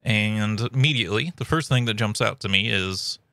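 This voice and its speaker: A man's voice: lowish voice, normal speed, pushed and bright, dry recording. A man giving casual, chatty commentary as a video host, recorded up close at home.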